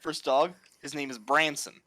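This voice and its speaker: A man chats loosely on a podcast, swearing freely as he tells workplace stories. His voice sits a touch high. The sound is dry and close. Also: moderate pace, dry recording. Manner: profane, animated storytelling. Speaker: podcast co-host. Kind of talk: casual chat.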